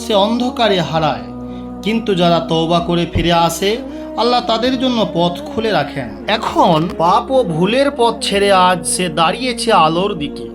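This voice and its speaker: A man's voice: sits high, expressive, normal speed. A man giving a solemn, scripted religious moral narration over background music.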